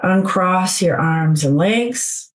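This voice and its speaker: A woman whose voice is on the low side, with lively intonation, gently guides a meditation. Her pace is unhurried and soothing, marked by long pauses between phrases.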